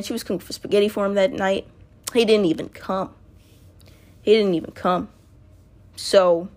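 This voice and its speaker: A woman's voice: mid-range voice, darkish tone. A woman talking casually to her listeners in a loose, rambling monologue, often correcting herself mid-sentence and calling out to the audience.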